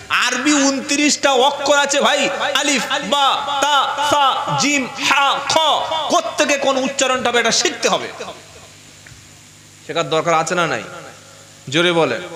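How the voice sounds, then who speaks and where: A male preacher, giving an animated sermon that quizzes the crowd and chants recitations. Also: very high voice. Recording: echoey hall.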